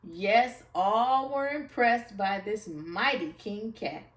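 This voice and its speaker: A woman's voice: mid-range voice, slow. A woman storyteller reading a rhyming children's picture book aloud with expression. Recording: echoey room, far from the mic.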